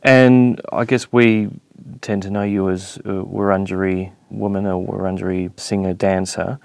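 A man hosting a podcast interview, talking in a relaxed, conversational way with the odd filler, recorded in a studio. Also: low voice, measured pace, vocal fry. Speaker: podcast host. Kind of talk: casual spoken intro and interview.

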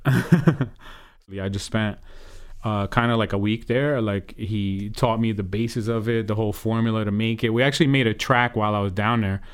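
Raised in New Jersey, this man works as a DJ and producer, and in a relaxed interview he tells stories full of slang. He speaks at a moderate pace in a smooth, lowish voice with fairly even intonation.

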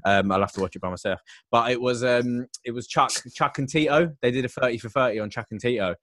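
A man's voice: mid-range voice, fast, fairly bright tone, dry recording, studio quality. A man talking sports casually on a podcast, rambling and swearing, with lots of restarts. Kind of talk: casual chat.

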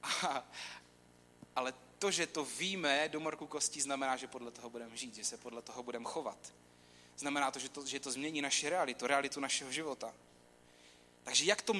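A man giving an informal, conversational sermon, talking straight to his listeners. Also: mid-range voice. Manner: conversational, animated, talks straight to the audience. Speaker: preacher. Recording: long hall reverb with faint room noise.

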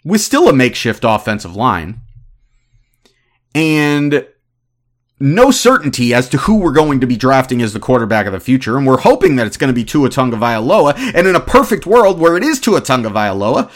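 A man in his thirties giving opinionated sports commentary as a podcast host, ranting in an animated, exasperated way. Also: medium pitch, normal speed. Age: 30s.

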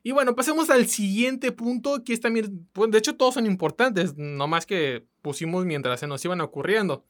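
A woman's voice: medium pitch, moderate pace, hardly any pauses. A woman from Mexico with a coastal accent, co-hosting a casual podcast in a colloquial, chatty way that speaks straight to listeners. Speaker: podcast co-host.

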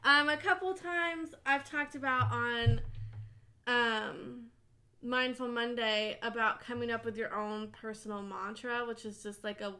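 Young woman on a podcast, casual and jittery, bright voice, kinda out of breath, laughs a lot. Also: on the high side, fairly even intonation, a little slow. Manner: chatty, anxious and laughing, many "like" fillers. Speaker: podcast co-host. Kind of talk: casual chat.

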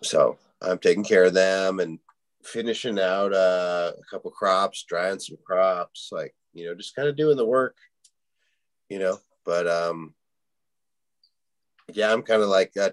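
A man's voice: low voice, measured pace. A middle-aged man hosting a podcast in casual chat, rambling with lots of fillers and restarts, swearing freely, and fighting the hiccups. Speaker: podcast host.

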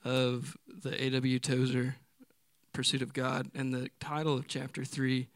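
A man's voice: mid-range voice, monotone, measured pace, dry recording, studio quality. A young man hosting a campus podcast, introducing the episode in an easygoing way. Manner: easygoing, laughs often. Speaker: podcast host. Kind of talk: casual chat.

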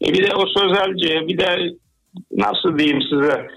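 A man in his fifties calling in, heard over a telephone line, talking earnestly and plainly, sometimes halting. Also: high voice, vocal fry, a bit bright. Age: 50s. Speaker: caller. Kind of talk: casual phone call to a radio show.

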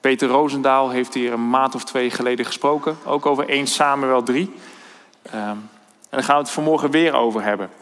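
A man preaching a sermon, thoughtful and hesitant, often pausing on fillers and restarting his sentences. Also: medium pitch, steady tone, a bit bright. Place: church hall. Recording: long church-hall reverb.

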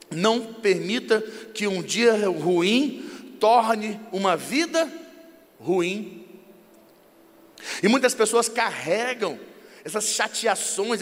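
A man with a Brazilian Portuguese accent preaches in a high, lifted voice, telling everyday stories in a lively way. His words ring out with a long hall reverb behind them, and he slips into acted dialogue as he explains. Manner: lively storyteller who acts out dialogues. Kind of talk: informal sermon on marriage.

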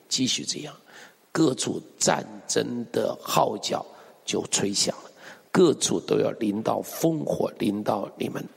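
A man's voice: medium pitch, gravelly, slightly rough, long reverb tail. A male pastor preaching a sermon, emphatic and full of rhetorical questions to the congregation. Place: church hall.

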